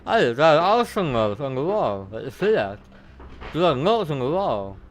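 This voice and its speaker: A man's voice: medium pitch, big pitch swings, normal speed, slight background noise. A man in casual, reactive chat with friends as a paranormal vlogger inside a house.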